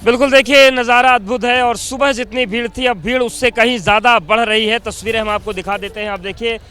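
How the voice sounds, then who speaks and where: Bright-voiced man reporting live outdoors. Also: very high-pitched, steady tone, fairly quick, clear, resonant tone, faint music behind. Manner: descriptive, guiding the viewer. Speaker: field reporter.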